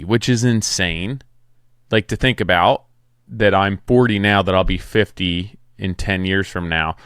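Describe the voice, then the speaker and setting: A man's voice: sits low, a bit bright, clean tone, dry recording, studio quality. A man in his forties hosting a solo podcast about his building trade, talking in a plainspoken, conversational way. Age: 40s. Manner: plainspoken, conversational, some restarts. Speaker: podcast host, home builder. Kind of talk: casual solo podcast talk.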